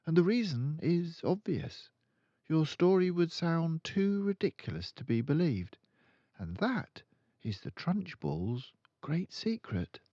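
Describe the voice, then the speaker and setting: Man as a high-pitched, knowing little schoolgirl. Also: big pitch swings, slow, mellow, no room sound, muffled recording, heavily acted. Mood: confident. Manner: knowing, emphatic, explanatory. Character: clever, confident, matter-of-fact little schoolgirl.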